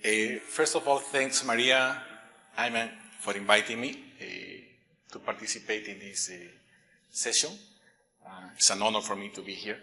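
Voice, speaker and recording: A middle-aged Peruvian man gives an engineering conference talk, stumbling through frequent fillers and restarts and slipping in a light joking aside. His voice is fairly low, pushed and bright, with fairly even intonation.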